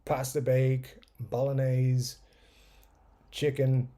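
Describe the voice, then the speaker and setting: Drawing out his words in a flat delivery, a livestream host with an Irish accent and a dark, medium-pitched voice reads out viewer comments. His chat is loose and casual, with occasional swearing and mumbled trail-offs.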